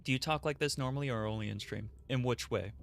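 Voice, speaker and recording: A man's voice: mid-range voice, fast talker, vocal fry, slight background noise. A man streaming a game, rambling playfully as he plays and answers chat. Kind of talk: casual gameplay commentary.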